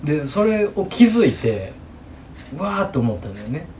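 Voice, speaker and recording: A man's voice: on the high side, very animated, moderate pace, a little mellow, a little hiss or hum. A man with a Kansai accent chatting casually and colloquially, emphatically acting out little snatches of dialogue as he goes. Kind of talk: casual chat.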